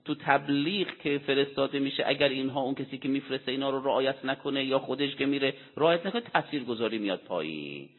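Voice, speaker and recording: A man giving a Quran commentary lecture, explaining deliberately and answering his own rhetorical questions. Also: medium pitch. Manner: poses rhetorical questions and answers them himself; deliberate, explanatory delivery with Arabic quotations. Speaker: religious lecturer. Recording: tinny phone-like sound with long hall reverb.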